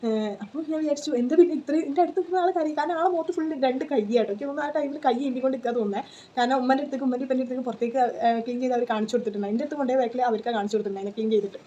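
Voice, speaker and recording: Young woman vlogger, rattles off a chatty story at high speed, mellow voice. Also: racing, dull audio, slight background noise. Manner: chatty, tags sentences with 'you know', many fillers. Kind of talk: casual personal storytelling.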